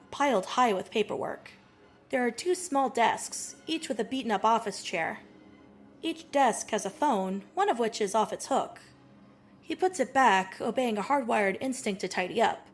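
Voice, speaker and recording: Actress playing a young woman reading a spooky story, high voice, expressive, music under. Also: lightly acted. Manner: expressive, easily moved to tears. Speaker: story reader.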